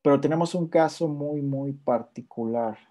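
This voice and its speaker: A man teaching a relaxed music theory lesson, explaining step by step and often checking in with his listeners while playing examples on guitar. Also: on the high side, moderate pace. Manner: plays intervals on guitar between phrases.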